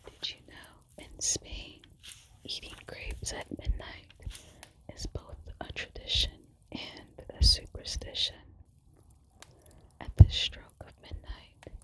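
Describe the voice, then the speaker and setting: Casting: female ASMR presenter, fully whispered librarian-style hush, unhurried, deliberate reading of facts. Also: low-quality recording. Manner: librarian-like hushed whisper, unvoiced.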